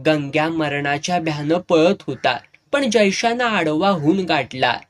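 Man, slightly higher voice, storyteller, dramatic reading. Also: measured pace. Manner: dramatic, raising voice for shouted dialogue. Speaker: narrator. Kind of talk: serialized novel reading with voiced dialogue.

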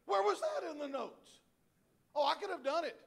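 A middle-aged male pastor delivers a sermon to his church. His voice sits very high for a man. He preaches in an animated, joking way and often turns to the people in the pews. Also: moderate pace, vocal fry. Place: church sanctuary.

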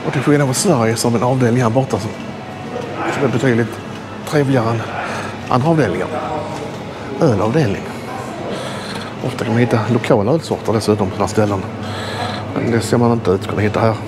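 A man's voice: medium pitch, long pauses, background noise. A middle-aged man vlogging his road trip, chatting enthusiastically to a handheld action camera as he walks outdoors and through a roadside rest stop. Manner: chatty, enthusiastic tour-guide commentary. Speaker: travel vlogger. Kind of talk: casual travel vlog narration. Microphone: action camera held at arm's length.

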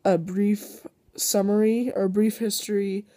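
A sick teenage girl talks through her day in a slow, rambling way, full of ums and restarts. Her voice is mellow and a little stuffy from congestion. The sound is dry and close, with no room echo. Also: medium pitch, level tone. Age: teens. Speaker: vlogger. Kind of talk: casual daily vlog.

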